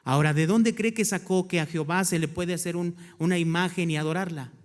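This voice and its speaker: Speaking fairly quickly in a high voice with fairly even intonation, a pastor alternates scripture readings with explanations. He poses questions to the congregation and answers them himself, and the church's hall reverb colors the sound.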